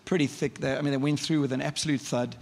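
A man's voice: medium pitch, steady tone, fast talker, creaky. A man preaching a sermon in a church, conversational and vivid, often asking the congregation questions. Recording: long hall reverb.

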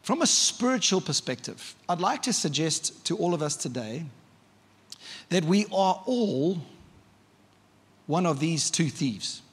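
Male preacher, fairly high voice, conversational sermon, questions to the congregation, long church reverb. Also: big pitch swings, a little slow, pauses often, slightly rough.

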